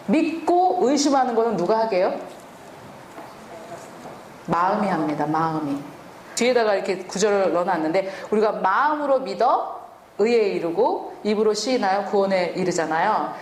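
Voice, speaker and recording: A woman's voice: mid-range voice, animated, normal speed, darkish tone, roomy sound, slight background noise. A woman preaching a sermon and teaching from the Bible, asking the listeners questions and answering them herself.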